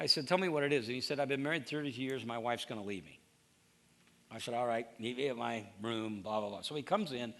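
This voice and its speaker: A man's voice: a little high, vocal fry, a bit bright. A middle-aged male pastor preaching in a conversational way, telling stories and acting out quoted dialogue, with frequent restarts. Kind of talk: conversational sermon.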